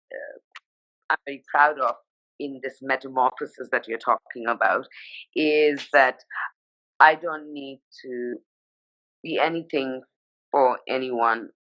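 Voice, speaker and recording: A woman from Sikkim, India, a Nepali first-language speaker and fashion journalist, talks with animation and emphasis as a guest in a live video call interview. Her voice is extremely low yet a bit bright, and the recording is rough.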